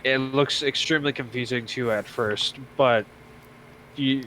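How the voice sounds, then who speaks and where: A man's voice: mid-range voice, fairly even intonation, a little slow, a bit bright, slight background noise, poor audio. A man in a casual chat who explains and corrects details in a knowledgeable way.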